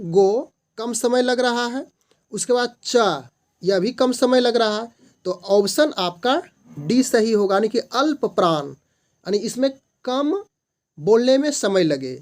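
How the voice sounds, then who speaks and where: Slow, patient grammar tutor. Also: mid-range voice. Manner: slowly sounds out single letters and syllables; patient, repeats definitions step by step. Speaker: online tutor. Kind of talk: explaining multiple-choice grammar questions.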